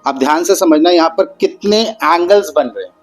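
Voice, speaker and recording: A man teaching geometry to students, mixing Hindi with English terms. He addresses the students kindly and slowly stretches out the key words. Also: fairly high pitch, faint music behind, poor audio. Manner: patient, addresses students as "beta". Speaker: math teacher.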